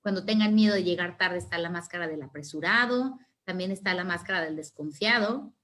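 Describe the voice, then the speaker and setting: A woman voicing Anger, an impatient but brotherly male emotion, speaking brisk and matter-of-fact. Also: on the low side, fairly bright tone, lightly acted. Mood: explaining.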